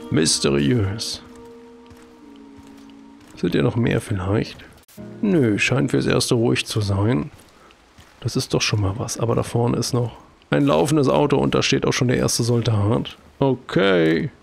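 A man's voice: mid-range voice, unhurried, vocal fry, soft background music. A man with a German accent giving casual commentary as he plays a video game, chatty and talking to himself with jokey exclamations. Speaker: let's play host.

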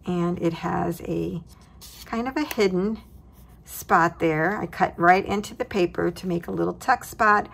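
Slow, low-voiced woman crafting host. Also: gravelly, a bit bright, breathy edge. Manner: cheerful, chuckles at her own remarks. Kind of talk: relaxed crafting walkthrough. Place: tabletop craft desk, indoors.

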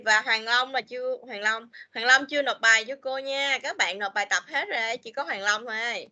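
A woman's voice: on the high side, brisk, pushed and bright. A woman teaching an online English class to children over a video call, chatty and repeating little fillers. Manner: chatty, repeats "rồi", mixes English words into Vietnamese.

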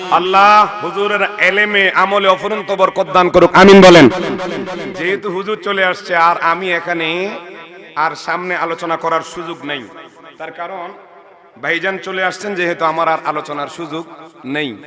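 A man with a Chittagonian accent preaching an Islamic sermon, calling on the crowd to answer and breaking into slow chanted verses. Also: sits high. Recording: loud crowd, live event sound.

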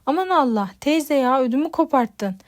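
A woman's voice: sits high, expressive, moderate pace, no echo, clean studio sound, pitched above the performer's own voice. A woman voicing a sarcastic, exasperated young woman held in a police cell in an audiobook.

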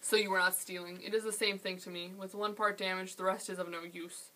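A woman reading aloud, voicing an angry old male potter who shouts and questions sternly. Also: mid-range voice, completely flat delivery, normal speed, slight background noise, close to an everyday voice, rough recording.

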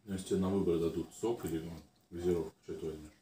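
Low, mellow man chatting while chewing. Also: fairly even intonation, rapid-fire, distant mic. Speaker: co-eater answering questions. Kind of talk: casual chat while eating. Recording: roomy echo, some background noise.

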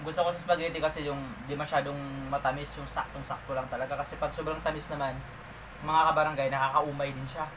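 A man's voice: fairly high pitch, level tone, fast, background noise. A man, chatting casually to his viewers in a home eating vlog while chewing his food. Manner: chatty, addresses viewers directly. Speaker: vlogger. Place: indoors at home, by his bed.

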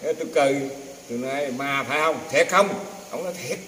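A man's voice: fairly high pitch, fast talker, pushed and bright. An older man, a temple herbal healer, casually telling rambling, folksy stories and acting out the dialogue of others. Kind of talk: casual storytelling. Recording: echoey, distant, roomy with faint noise.

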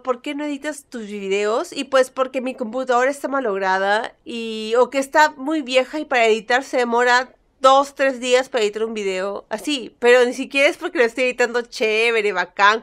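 A woman's voice: on the high side, a bit bright, clear, resonant tone. A young Peruvian woman with a Spanish accent that carries some Mexican touches, chatting playfully to camera and answering critics with mock sweetness. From Peru. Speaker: vlogger. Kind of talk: casual chat to camera.

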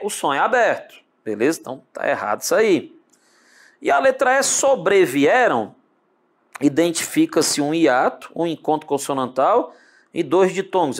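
A man with a Brazilian Portuguese accent teaching an online exam-prep lesson, speaking straight to the student and drawing words out slowly as he breaks them down. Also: fairly high pitch. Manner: animated, talks to the student directly with lots of tag questions; drawls words out slowly when spelling them.

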